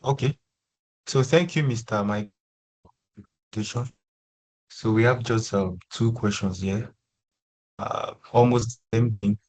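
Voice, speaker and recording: A man's voice: lowish voice, takes it slowly, long pauses, a little mellow, poor audio. A man moderating a webinar over a video call, hesitant and apologetic, his weak connection breaking up. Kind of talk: online meeting moderation. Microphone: remote video call.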